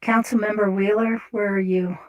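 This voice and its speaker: Woman, meeting chair, businesslike, polite, hesitant restarts, mid-pitched voice. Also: steady tone, moderate pace, a little mellow, lo-fi sound. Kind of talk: leading a city council meeting.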